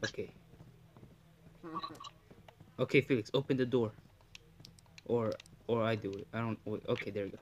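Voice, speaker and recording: A man's voice: on the low side, fairly even intonation, normal speed, pauses often, highs cut off. A young man casually commentating a horror game with a friend, as a scared, jumpy streamer who exclaims a lot.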